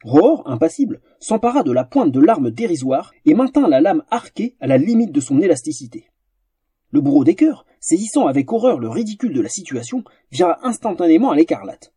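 A man narrating a fantasy story in a theatrical, animated audiobook style. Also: a little high, a little fast, breathy edge, dry recording, studio quality.

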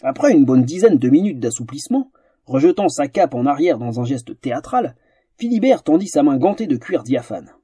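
A man reads a fantasy tale aloud with theatrical flair. His voice is husky and mellow, and his pitch rides high and moves a lot. The recording is close and dry. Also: moderate pace, dry recording. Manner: theatrical, animated storytelling. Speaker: narrator. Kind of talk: expressive audiobook narration.

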